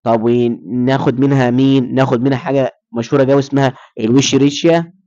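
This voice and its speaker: A man's voice: mid-range voice, steady tone, fast, dark tone, lo-fi sound. A man with an Egyptian Arabic accent giving a recorded lecture, who asks his students questions and then answers them himself.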